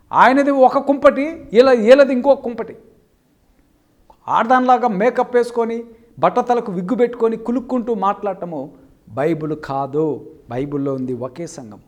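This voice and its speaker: Fiery male preacher with a very high-pitched voice, scolding and full of rhetorical questions. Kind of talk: Telugu sermon.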